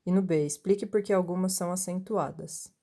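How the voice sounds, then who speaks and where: A woman's voice: on the low side, a little fast, warm tone. A woman teacher, giving a patient lesson to pupils, asking questions and answering them herself, often checking in with "right?". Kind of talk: recorded classroom lesson for pupils.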